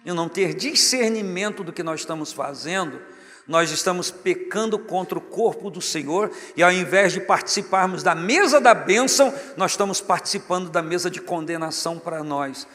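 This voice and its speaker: A man's voice: high-pitched, fairly bright tone, in a large hall. A Brazilian man preaching as pastor, jovial and teasing as he calls church members up to the front. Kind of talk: sermon. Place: large church hall, music underneath.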